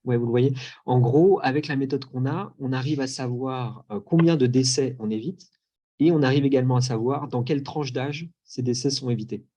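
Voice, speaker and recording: A man giving an explanatory answer as a researcher in a webinar, pausing and rephrasing as he goes. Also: medium pitch, mellow.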